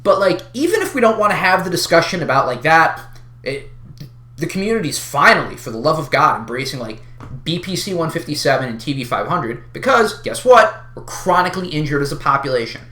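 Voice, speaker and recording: An online creator delivers an unhinged, unscripted rant in a sharp, forceful voice. The pitch swings widely with sarcastic, exasperated emphasis, and the casual, sweary delivery rings around an echoey room. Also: big pitch swings, fairly quick. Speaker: online video creator addressing a community.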